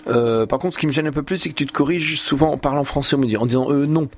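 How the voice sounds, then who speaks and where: A man's voice: a little high, quick pace. A man, a language teacher giving a student patient, encouraging spoken feedback with frequent hesitations.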